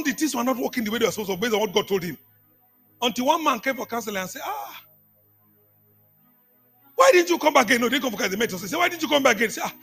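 A man preaching a sermon, calling out to the congregation and repeating phrases, swinging from hushed asides to shouts. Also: sits high, breathy edge. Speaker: apostle preaching.

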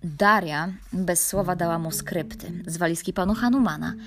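A woman narrating a children's storybook in a measured, expressive reading. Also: lowish voice, over music.

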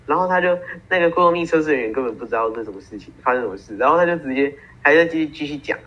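Racing along in an animated, slightly high voice, a Taiwanese teenage boy spins stories and ribs his friend while co-hosting a laid-back podcast chat. The audio is a muffled, single-track recording made at home.

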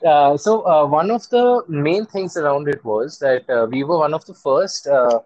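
A man's voice: fairly high pitch, moderate pace, darkish tone, dry recording, muffled recording. A man with an Indian accent speaking as an interview guest, chatting casually and telling stories about running his own business. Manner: chatty, switches between English and Hindi.

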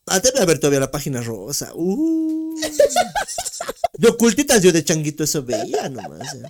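A man's voice: a little high, wildly swooping pitch, moderate pace, darkish tone. A man co-hosting a casual podcast, joking and teasing. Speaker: podcast co-host. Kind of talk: casual chat.

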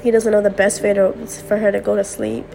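A young podcast host, on the mend from a cold, vents late at night in a candid, repetitive way. She speaks briskly in a gravelly, mid-range voice with little pitch variation. The background is noisy.

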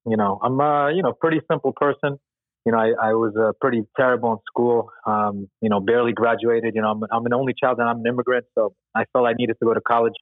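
A man's voice: mid-range voice, steady tone, quick pace, no room sound. A man from Ukraine, a guest talking casually and chattily, leaning on "you know" fillers. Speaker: guest, jiu-jitsu instructor. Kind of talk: casual interview talk. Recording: tinny phone-like line.

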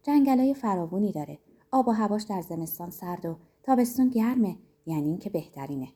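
A woman's voice: medium pitch, animated, mellow, lightly acted. A woman voicing a carefree young immigrant woman who teases and argues in a breezy way in a story. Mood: teasing, breezy. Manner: teasing, breezy, argumentative.

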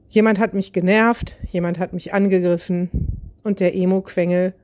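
A woman hosting a podcast, telling a humorous story in a lively, self-mocking way. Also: mid-range voice. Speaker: podcast host.

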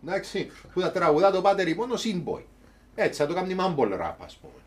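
Animated man with a Cypriot Greek accent. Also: sits high. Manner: animated, colloquial, swearing freely. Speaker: talk show host. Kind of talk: casual comedic chat.

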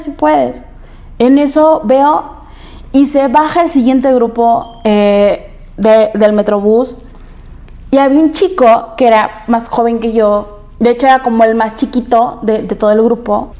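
A woman's voice: fairly high pitch, a little mellow. A young woman, telling a personal story candidly and repeating phrases for emphasis.

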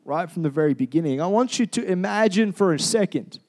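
A man's voice: sits high, animated, a little fast, darkish tone. Chatty Australian man preaching. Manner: chatty, asks the congregation questions, many fillers and restarts. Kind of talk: conversational sermon.

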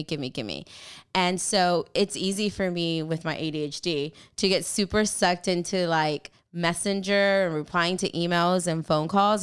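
Smooth-voiced woman chatting animatedly. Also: on the low side. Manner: animated, mimics whiny voices when quoting people. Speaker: photographer and group organizer. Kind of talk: casual podcast-style chat.

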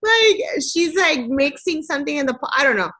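A woman from Puerto Rico, co-hosting a casual chat and telling a story with lively animation, slipping in Spanish phrases. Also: high-pitched, normal speed. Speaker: podcast co-host.

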